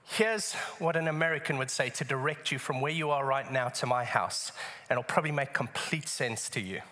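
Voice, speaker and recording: A man's voice: mid-range voice, fairly quick, pushed and bright. A man with a British accent preaching to a congregation in a humorous storytelling style, wry and self-deprecating. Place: church, speaking to congregation. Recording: reverberant large hall.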